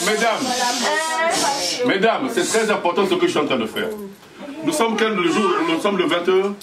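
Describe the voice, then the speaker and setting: A man leading a dowry ceremony, speaking solemnly to the bride and guests with repeated, emphatic phrases and jokes. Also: high-pitched. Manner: solemn, then joking with the crowd. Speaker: ceremony officiant. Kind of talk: addressing a crowd at a dowry ceremony. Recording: distant voice in a noisy crowd.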